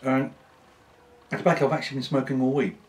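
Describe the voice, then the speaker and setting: A British man in a casual, unscripted vlog chat, talking in an unhurried, rambling way with pauses. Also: mid-range voice, level tone. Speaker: pipe-smoking vlogger.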